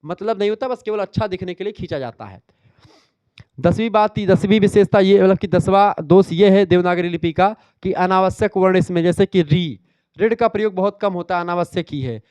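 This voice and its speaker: A man's voice: high voice, normal speed, darkish tone, smooth, no room sound. A man teaching an exam revision lecture, explaining step by step, repeating key terms and quizzing his students.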